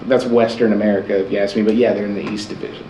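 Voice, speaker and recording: A man's voice: on the low side, little pitch movement, very fast, dark tone. A man co-hosting a casual sports podcast, loose and joking, with fillers and restarts. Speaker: podcast co-host. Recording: roomy with faint ambient noise.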